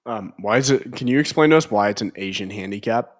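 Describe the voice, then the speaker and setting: A man's voice: on the low side, fast talker. A man co-hosting a casual sports betting podcast, teasing his partner with dry jokes. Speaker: podcast co-host.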